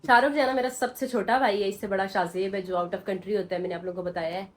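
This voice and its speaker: A woman's voice: medium pitch, steady tone, fast, low-quality recording. Chatty Pakistani woman vlogging at home. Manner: chatty, coos affectionately at small children. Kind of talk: casual home vlog chat. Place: family home indoors.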